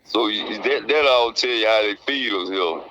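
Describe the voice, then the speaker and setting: Speaking at a moderate pace with a fairly low, bright and forceful voice, a prison inmate in his sixties tells of his experience in casual interview answers. His Southern Alabama accent comes through in plainspoken, colloquial talk, and the recording's highs are cut off.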